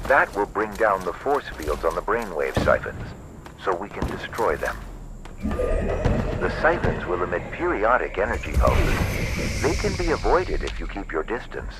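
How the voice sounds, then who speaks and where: Homer, a robot faking human. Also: male voice, deep voice, huge pitch swings, a little slow, long pauses, over loud music, heavily acted. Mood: formal. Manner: stiff, formal commands. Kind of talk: video game mission dialogue. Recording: loud gunfire and combat noise.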